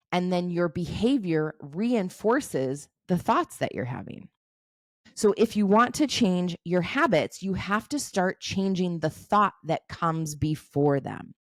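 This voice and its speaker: A woman's voice: on the low side, lively intonation, slow pace, dry recording, studio quality. A woman in her forties, a coach giving a frank, casual talk about habits, swearing now and then and laughing easily. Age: 40s.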